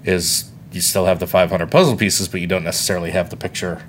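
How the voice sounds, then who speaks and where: A man's voice: low voice, steady tone, fast talker, a little hiss or hum. A man co-hosting a podcast in casual chat, talking in a wry, rambling way. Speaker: podcast co-host.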